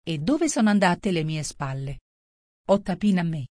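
A woman voicing a polite, curious young girl in a storybook reading, speaking gently. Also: fairly low pitch, sing-song, normal speed, dry recording, studio quality.

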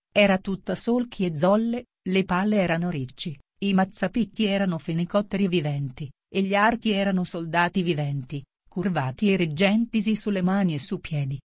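A woman narrating a storybook in a measured, steady way. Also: lowish voice, no echo, clean studio sound. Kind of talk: storybook reading.

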